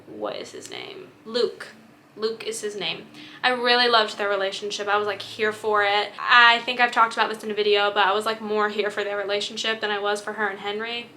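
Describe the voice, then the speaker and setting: A woman's voice: medium pitch, sharp tone, slight background noise. A young woman chatting candidly about books she has read, with plenty of fillers. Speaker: book vlogger. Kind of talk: casual chat.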